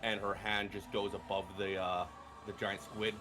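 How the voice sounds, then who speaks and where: A man acting as game master, narrating a tabletop fantasy game with suspenseful, drawn-out phrasing. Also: fairly low pitch, flat delivery, over music.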